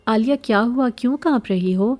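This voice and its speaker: A gentle middle-aged mother, voiced by a woman narrator, speaks calmly and reassuringly in a told horror story. Her tone is mellow and warm, never sharp. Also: fairly high pitch, close to an everyday voice. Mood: soothing. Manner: calm, reassuring, pious.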